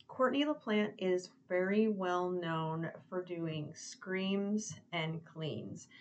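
Lower-voiced young woman, informal and enthusiastic, talks through a song review. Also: a little hiss or hum. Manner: gushing, informal, swears casually. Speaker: music reaction reviewer. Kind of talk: casual chat.

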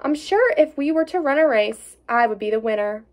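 A woman's voice: animated, fairly quick. A woman reading a storybook aloud, voicing a crafty, cheery little male hedgehog in a raised, cocky voice. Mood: indignant. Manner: cocky and scheming, raised pitch.

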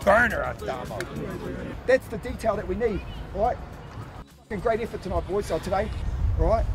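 A man's voice: high voice, animated, moderate pace. A man giving a sweary, matey frat-bro pep talk in an outdoor team huddle. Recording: loud music over distant outdoor field audio.

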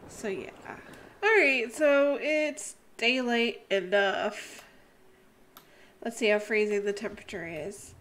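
A young woman casually commenting on her gameplay, exclaiming loudly at the animals and dropping to a hush when she sneaks around. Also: a little high, takes it slowly. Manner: excitable, exclaiming and talking to the animals; drops to a hushed voice while sneaking. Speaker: gaming channel host.

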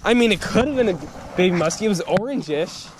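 A young man chats and laughs his way through a fishing trip, his voice sitting a bit high. He is captured outdoors by a body-worn action camera on a wet shoreline. Rain and open-air noise run clearly behind him. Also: quick pace. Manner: excitable, laughs often. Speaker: angler filming a fishing trip. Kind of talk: casual chat. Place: outdoors on a rainy lakeshore.

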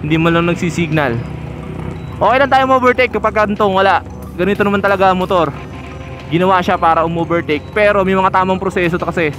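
A man's voice: sits high, quick pace, music in the background. A man giving casual, instructive commentary while riding a motorcycle on open roads, recorded on a helmet-mounted action camera. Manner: chatty, instructive, points out riders. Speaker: motovlogger. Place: outdoors on a moving motorcycle on a road.

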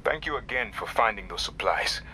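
An actor playing a solemn, guarded foreign man burdened by guilt in a video game, speaking formally and gravely. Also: lowish voice, animated, normal speed, sharp tone, slight background noise, heavily acted, rough recording.

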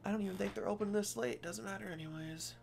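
A man's voice: high-pitched, fairly even intonation, quick pace, vocal fry, over music. A man casually commenting as he plays a game, muttering self-deprecating asides. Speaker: game streamer.

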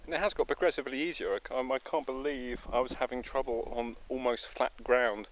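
A Scottish man chats away in a relaxed, rambling vlog, poking fun at himself as he goes. His voice sits in an ordinary middle pitch. The outdoor recording sounds a little muffled, with a faint hiss behind him. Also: a little fast. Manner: chatty, rambling, self-deprecating. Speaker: vlogger. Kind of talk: casual outdoor vlog chat. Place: outdoors on hills while biking. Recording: slightly dull outdoor recording, faint noise.

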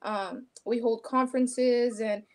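A young woman who leads a youth nonprofit, explaining its work earnestly, pausing often on a video call. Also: fairly high pitch, fairly even intonation, a little mellow. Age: young adult. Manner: earnest, informative, hesitant with fillers. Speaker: nonprofit president.

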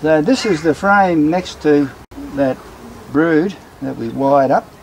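On the high side and slow, a beekeeper's voice comes through a rough recording as he casually explains his hive inspection on camera. He's outdoors beside a beehive and a brick house, with bees buzzing clearly in the background of the explanatory vlog.

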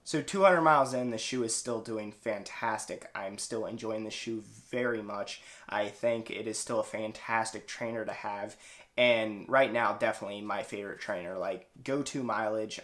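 A man's voice: on the low side, a bit bright. A young man giving a casual product review to a camera a short distance away in a room at home. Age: young adult. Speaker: running vlogger. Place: indoors in a small home room.

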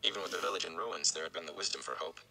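A man in his thirties reads a fantasy novel aloud in a dramatic, audiobook-style narration from an indoor room at home. His voice sits low with vocal fry, delivered rapid-fire against a noisy background.

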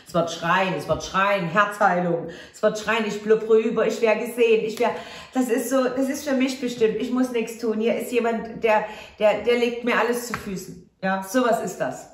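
A woman's voice: a little high, normal speed. Effusive woman reading tarot, roomy echo. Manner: effusive, exclamatory, warmly addressing viewers. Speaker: tarot card reader. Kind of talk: casual tarot reading to camera.

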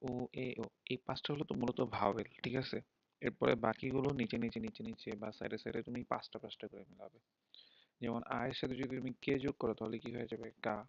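A man's voice: medium pitch, vocal fry, no echo. A man teaching a beginner class in a live online stream, explaining step by step in a patient way and often checking in with the learners. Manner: mixes English words into speech. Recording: dull lo-fi dry mic.

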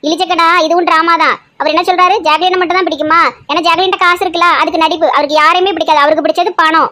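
A woman's voice: extremely high pitch, fairly even intonation, very fast, sharp tone. A woman in a comedy sketch who scolds sharply, with emphatic exclamations. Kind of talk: amateur comedy sketch acting.

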